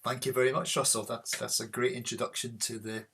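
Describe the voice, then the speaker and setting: A man hosting an online reading event, introducing authors in a halting way. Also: mid-range voice, flat delivery, gravelly, fairly bright tone, slightly rough. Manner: halting, many fillers. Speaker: event host.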